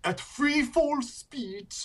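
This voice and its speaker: A man's voice: extremely high pitch, expressive, extremely slow, fairly bright tone, full character voice. A man voicing an indignant male Welsh conspiracy-theorist caller, putting on a poor Welsh accent over a Birmingham one. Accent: fake Welsh put on by a Birmingham speaker. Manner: indignant, combative, ranting. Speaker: prank caller.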